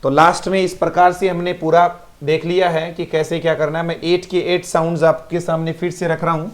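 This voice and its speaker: A man's voice: on the high side, flat delivery, brisk. A man teaching English pronunciation in a live online class with an Indian English accent, repeating each word and praising students by name.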